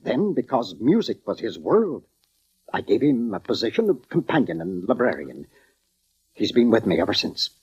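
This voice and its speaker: Heard through a dull, muffled vintage radio recording, this actor voices a courteous concert musician in a 1940s radio drama, sounding weary and reflective with formal, theatrical phrasing. His voice is on the low side and a little mellow, very animated at normal speed, with a breathy edge.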